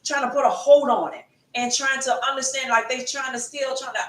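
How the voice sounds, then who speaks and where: Woman co-host, middle-aged, rambling casual storyteller, a bit high, recorded roomy and off-mic. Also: fairly even intonation, fairly quick, fairly bright tone, recorded from a distance. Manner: rambling, repeats phrases, casual Southern-style grammar. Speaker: podcast co-host. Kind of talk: casual chat.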